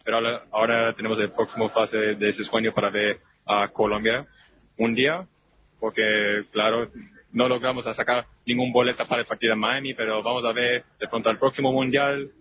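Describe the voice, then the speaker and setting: A man's voice: mid-range voice, level tone, brisk. A man from the United States, a football fan, answering in a casual street interview, hesitant with many "eh" fillers and small grammar slips. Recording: dull lo-fi radio with loud background noise.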